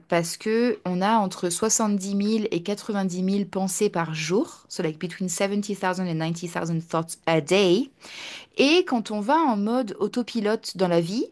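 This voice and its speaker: Young woman, language teacher, casual talk to camera, mid pitch, many fillers, flips between French and English. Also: a little mellow. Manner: switches between French and English, repeating points in translation; chatty, with frequent hesitations and fillers.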